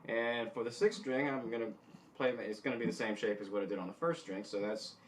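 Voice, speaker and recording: A middle-aged man with a fairly low voice teaches guitar informally. He thinks aloud, pausing and correcting himself in an easygoing, self-deprecating way. Guitar notes sound clearly behind his speech. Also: steady tone, low-quality recording. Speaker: guitar instructor. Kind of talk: informal instructional demonstration with music theory. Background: guitar notes being tapped.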